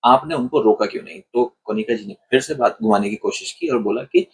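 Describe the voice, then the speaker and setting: A husky-voiced man at a middle pitch, casually reviewing a television episode. He retells the events in an animated way and acts out the quoted lines as he goes. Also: brisk. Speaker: online show reviewer. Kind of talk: casual commentary.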